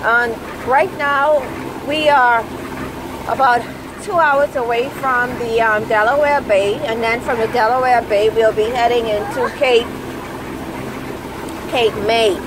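Slow-talking woman filming on a windy boat. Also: fairly high pitch, fairly even intonation. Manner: chatty, explaining with many fillers. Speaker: sailing vlogger. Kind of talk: casual vlog narration. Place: outdoors on a sailboat deck. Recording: windy outdoor phone recording. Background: wind and water noise.

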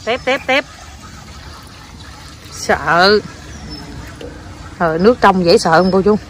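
Filming on the phone in her hand, a woman by a river outdoors coaxes and cheers on her child, counting aloud. Her mid-range voice is animated and unhurried, with a little hiss or hum in this casual family vlog.

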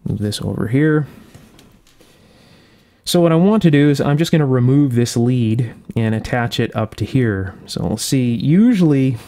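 This electronics repair host's medium-pitched voice is animated and mellow, moving at a moderate pace. Unscripted at his indoor workbench, he works through a repair step by step, methodically thinking out loud.

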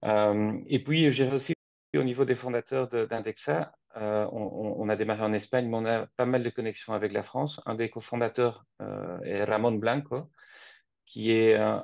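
Man, from Belgium, 40s, gravelly, dry close sound, measured, hesitant. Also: fairly low pitch, a little mellow, dry recording. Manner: measured, hesitant with frequent restarts. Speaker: guest, company co-founder. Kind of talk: video call interview. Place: office, seated at a desk. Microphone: webcam on a video call. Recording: dull lo-fi video call audio.

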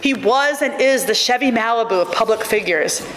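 A keynote lecturer in her thirties reads a prepared academic lecture into a podium microphone, measured and wryly emphatic, her fairly high voice expressive and a bit bright. It carries through a large auditorium, and the sound is roomy with a long reverb tail over faint room hiss.

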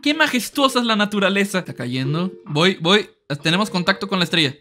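A young man with a Mexican accent doing casual, joking let's-play commentary, excitable and swearing freely as he yells at the game. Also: high voice, brisk. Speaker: gaming streamer.

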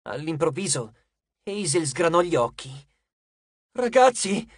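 Expressive audiobook narrator, dry studio. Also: medium pitch, normal speed, dry recording. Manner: expressive storytelling.

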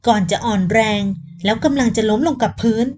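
A woman narrating a romance novel audiobook in a steady storytelling voice. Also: fairly high pitch, a little fast.

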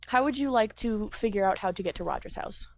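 A woman's voice: medium pitch, fast, no echo. A woman runs a tabletop game, describing scenes in a laid-back, chatty way. Her voice sits mid-range, and the dry, close recording has no room sound. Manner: relaxed, casual narration with many fillers. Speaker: game master.

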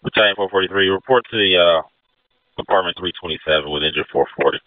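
A man acting as incident commander, giving brisk orders over a two-way radio. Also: low voice, clear, resonant tone, dry recording. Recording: narrow phone-like radio channel.

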